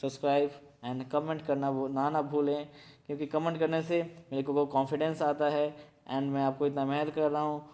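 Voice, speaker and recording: A man leads a revision lesson, his voice sitting a little high and staying smooth and resonant. He speaks with a fairly narrow pitch range, laying out each idea patiently and slipping English words into the explanation. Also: little pitch movement, mellow. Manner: explains slowly, mixing English terms into Hindi. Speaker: teacher. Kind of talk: exam revision lecture.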